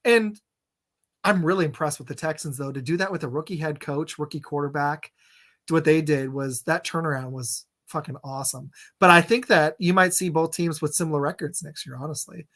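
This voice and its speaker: A man's voice: a little high, a little fast, a bit bright. Rambling man hosting a sports chat. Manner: rambling, many fillers and restarts. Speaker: podcast host.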